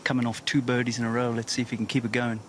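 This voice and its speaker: Male, average register, live golf commentary, outdoor ambience clearly audible. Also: medium pitch, completely flat delivery, very fast, background noise.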